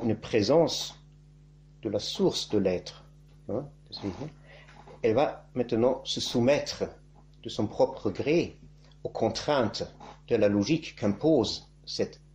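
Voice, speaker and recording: Halting lower-voiced monk lecturing. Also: male voice, darkish tone. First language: German. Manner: halting, searches for words, frequent "hein" tags. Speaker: Orthodox priest-monk. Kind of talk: spoken catechesis lecture.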